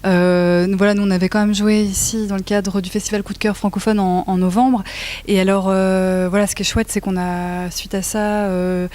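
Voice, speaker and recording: A woman's voice: medium pitch, little pitch movement, normal speed, a little mellow. A woman musician from Belgium answering interview questions hesitantly, with many fillers and restarts. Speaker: musician guest. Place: festival interview, Montreal.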